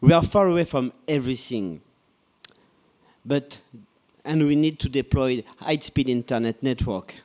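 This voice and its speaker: A man with a French accent, speaking English as a second language in a light, halting conference presentation. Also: mid-range voice, darkish tone. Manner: halting, laughs often. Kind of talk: scripted two-person presentation.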